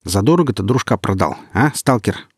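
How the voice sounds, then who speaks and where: A man voicing a loud, swaggering male mercenary guard who jeers. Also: fairly low pitch, animated, a little fast, breathy edge, no room sound, clean studio sound. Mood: mocking.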